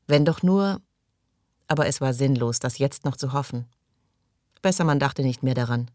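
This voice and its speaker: A man narrating an audiobook in a measured, even storytelling manner. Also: mid-range voice, no echo. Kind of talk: scripted narration.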